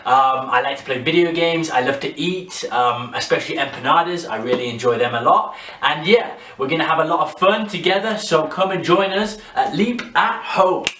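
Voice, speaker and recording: A man's voice: on the high side, normal speed, few pauses, pushed and bright, slight background noise. Playful man. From London, England. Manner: upbeat, playful, with filler ums. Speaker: children's workshop co-host. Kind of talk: friendly introduction to young children. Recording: echoey room, mic at a distance.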